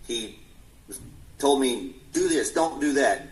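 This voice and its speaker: Animated and medium in pitch, this forties-aged musician answers an interviewer earnestly despite constant restarts and halting phrasing. The recording is rough.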